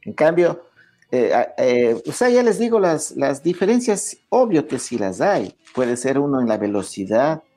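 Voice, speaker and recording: A man's voice: medium pitch, sing-song, unhurried, mellow. A man, a guest explaining music history in a lecturing way, often checking in with "¿ya?". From Ecuador. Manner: lecturing, frequent "¿ya?" checks, many restarts. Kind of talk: explanatory interview talk.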